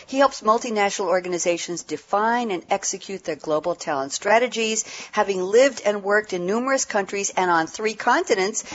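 A woman hosting a call-in radio panel show, chatty and upbeat as she introduces her guests. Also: fairly low pitch. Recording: dull lo-fi sound.

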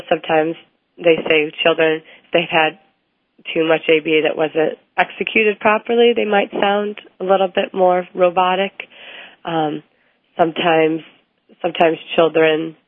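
A woman's voice: low voice, no echo. A woman speech therapist answering interview questions at length, explaining things with frequent ums and restarts. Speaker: speech language pathologist guest. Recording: tinny phone-like line, dry.

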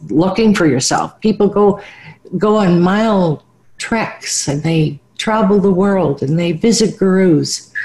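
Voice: mid-range voice, a little mellow, poor audio. A co-host of a radio talk show about the mind, speaking earnestly and reflectively about looking inward.

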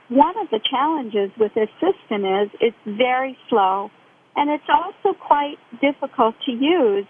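A woman speaking as an interview guest, explaining things in careful, clear phrases. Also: fairly high pitch. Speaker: interview guest describing a man's communication. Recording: dull lo-fi radio-style sound.

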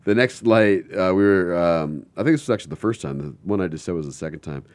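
A man's voice: deep voice, lively intonation, fast talker, dry recording. A middle-aged man hosting a casual chat, telling stories in a rambling way and laughing often. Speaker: host.

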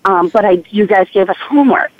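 A woman calling in over a clipped phone line, speaking haltingly, with many restarts. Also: medium pitch. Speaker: caller. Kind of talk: call-in chat. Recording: tinny dry phone line.

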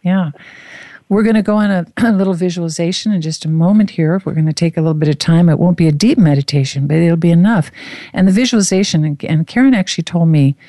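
Mellow, soothing meditation guide. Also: mid-range voice, dry recording. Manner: soft, slow, soothing delivery. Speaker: host guiding a visualization.

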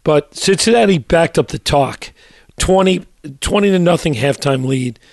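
A middle-aged man co-hosting a sports radio show, his voice hoarse and raspy today. He talks in measured phrases full of fillers and restarts, in a slightly higher register. The sound is dry and close. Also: lively intonation, darkish tone, no room sound. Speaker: co-host, doctor.

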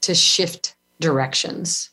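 A woman guest, a yoga teacher, talking in an effusive, animated way and laughing often during a casual interview. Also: low voice, slow pace, breathy edge.

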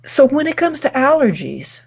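A woman hosting a wellness talk, speaking deliberately and pausing between short phrases. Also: high voice, very animated, creaky. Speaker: host.

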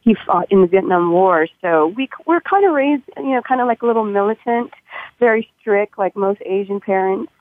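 A woman's voice: mid-range voice, animated, moderate pace, slight background noise. A woman DJ from Thailand, raised in Northern California, chatting easily as an interview guest. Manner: easygoing, chatty, with fillers. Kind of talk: casual interview chat. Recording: tinny phone line.

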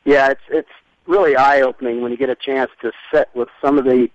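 Guy with a head cold explaining stuff on radio, halting n thoughtful, dry lofi sound. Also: medium pitch, steady tone, dry recording, lo-fi sound. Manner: halting, thoughtful, long-winded. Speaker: interview guest, environmental scientist. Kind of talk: explanatory radio interview talk.

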